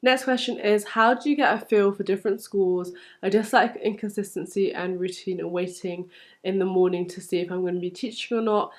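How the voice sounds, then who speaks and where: A young London woman speaks at a middle pitch, fairly quick, with fairly even intonation. As a supply teacher hosting a casual vlog, she answers questions and offers advice in an encouraging, conversational way.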